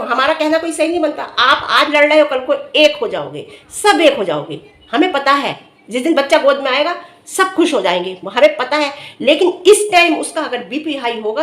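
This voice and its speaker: A middle-aged woman speaks straight to her viewers in a high voice. She lectures earnestly about family duty, scolding and firing off rhetorical questions. The room around her sounds roomy and echoey. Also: a bit bright. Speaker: vlogger commenting on another family's dispute. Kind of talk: direct-to-camera opinion commentary.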